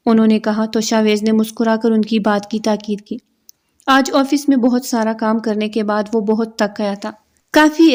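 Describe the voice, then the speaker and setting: A woman storyteller reading a romance novel aloud in steady, even narration. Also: on the high side.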